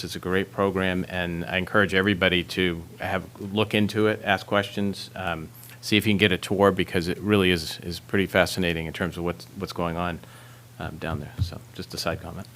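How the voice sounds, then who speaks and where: A man's voice: low voice, a bit bright, a little hiss or hum. A man chairing a city council meeting who talks in a rambling way, restarting phrases with many "um"s.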